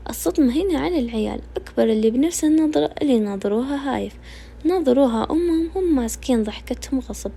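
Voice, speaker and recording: Fast-reading Najdi woman, gravelly. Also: high voice, animated, dark tone. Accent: Najdi Saudi. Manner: quick conversational storytelling. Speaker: narrator. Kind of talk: reading a novel aloud.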